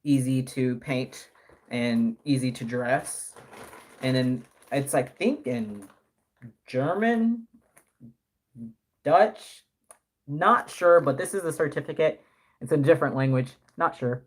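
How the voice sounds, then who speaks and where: A man's voice: medium pitch, takes it slowly, long pauses. A man in his early twenties chatting casually on a live stream, rambling with many fillers and self-corrections. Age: early 20s. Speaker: live streamer and doll artist.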